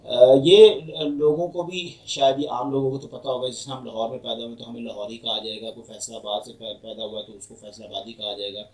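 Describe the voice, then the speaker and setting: A man's voice: medium pitch, fairly even intonation, hardly any pauses, a little mellow. A man giving a university lecture as a professor, telling stories and repeating phrases for emphasis. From Pakistan.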